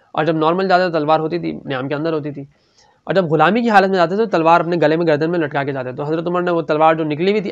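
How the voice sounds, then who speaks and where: A man giving a religious lecture, telling stories and reciting scripture, sometimes dropping to a hush for quoted voices. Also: a little high, dull audio. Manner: storytelling, acts out quoted voices, drops to hushed tones. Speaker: Islamic speaker.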